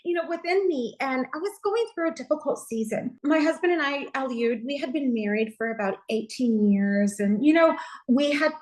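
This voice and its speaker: A middle-aged woman from Texas speaks as a pastor giving her testimony. Her voice sits high, and she tells the story in an earnest, heartfelt way, often dropping in "you know" as she goes. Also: expressive, normal speed, hardly any pauses, rough recording. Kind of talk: personal testimony in a conversational interview.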